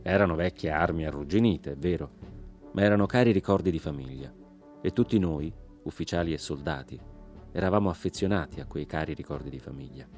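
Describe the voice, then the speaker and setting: A man's voice: rumbling low, fairly quick, a little mellow, faint music behind. A man giving a dramatic audiobook reading, impassioned when he speaks his own lines in the argument. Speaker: reader.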